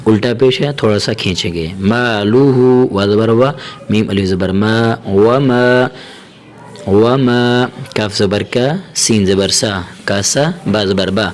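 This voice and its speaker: Patient man slowly teaching tajweed. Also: lowish voice. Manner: patient and repetitive, drawing out syllables slowly, often asking "okay?"; brisk explanations between slow syllable drills. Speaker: Quran reading teacher. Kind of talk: step-by-step tajweed lesson, spelling out letters and vowels.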